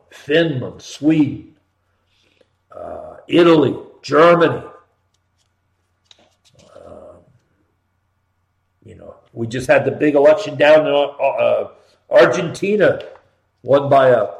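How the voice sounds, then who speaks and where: An American man hosting a talk show, delivering an impassioned political rant with emphatic, punchy repetition and swings between loud and hushed. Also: a little high. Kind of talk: impassioned political monologue, ranting. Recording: roomy, echoing sound.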